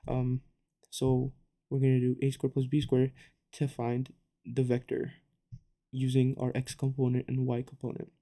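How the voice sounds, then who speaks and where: A young man giving a casual physics lesson at a board, relaxed, with joking asides and quick self-corrections. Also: mid-range voice. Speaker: physics tutor.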